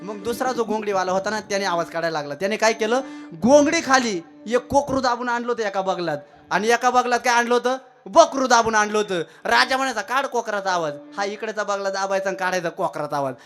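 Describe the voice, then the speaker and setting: A man's voice: high-pitched, fast talker, fairly bright tone, faint music behind. A man with a Marathi accent preaching a devotional kirtan in a village temple, telling stories, repeating key lines with emphasis and breaking into chanted verse. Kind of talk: devotional kirtan sermon with storytelling and sung verses. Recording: live temple sermon with instrument accompaniment.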